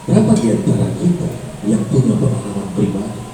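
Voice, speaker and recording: A middle-aged man preaching a sermon to a school assembly, telling a story with animated swings from hushed to loud. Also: lowish voice, fast, noisy background. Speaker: pastor. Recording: echoey room, distant mic, faint ambience.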